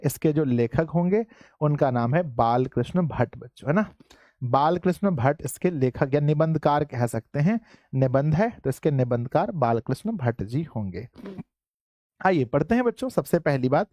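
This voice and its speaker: Teacher lecturing online. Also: male voice, a little high, expressive, normal speed, mellow, no echo, clean studio sound. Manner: addresses students repeatedly, asks and answers own questions.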